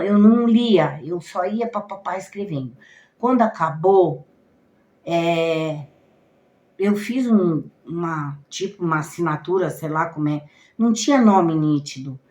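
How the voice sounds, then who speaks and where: A woman's voice: on the low side, a little slow. A Brazilian woman, a cigana card reader, casually telling her viewers a personal story, with frequent repetitions and trailing off mid-phrase. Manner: animated, repeats herself, trails off.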